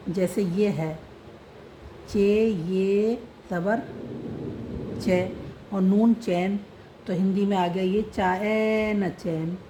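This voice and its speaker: A woman's voice: medium pitch, dark tone, a little hiss or hum, poor audio. A woman teaching how to read and write a script, spelling out letters and sounds patiently. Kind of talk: slow script lesson.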